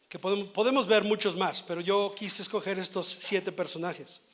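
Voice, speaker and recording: A male pastor preaching a sermon, often pausing to ask the congregation for an amen. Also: high voice, fairly bright tone. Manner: repetitive, calls for amens and answers.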